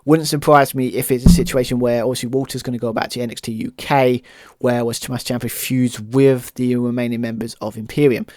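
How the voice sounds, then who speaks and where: A man hosts a podcast on his own, giving a casual, rambling review with plain enthusiasm. His mid-range voice is a little mellow, fairly even in intonation and a little fast, full of "um" and "kind of". Dry, studio-quality recording.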